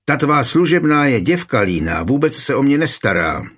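A man's voice: mid-range voice, big pitch swings, a bit bright, husky, pitched above the performer's own voice. A man voicing a spoiled, lying young man pleading and accusing in a raised, whining voice.

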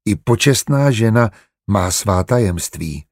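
A man narrating an audiobook in a measured, even reading style. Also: fairly low pitch, no echo, studio quality.

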